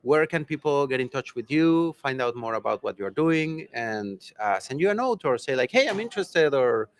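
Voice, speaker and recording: A man's voice: mid-range voice, lively intonation, normal speed. A man interviewing a guest at a conference in a casual, upbeat, promotional way.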